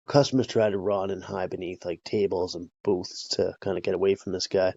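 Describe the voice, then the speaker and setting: Low gravelly man telling a crime story. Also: no room sound, highs cut off. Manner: loose, profane, conversational with frequent "right?" and "like". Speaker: podcast host. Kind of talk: casual true-crime storytelling.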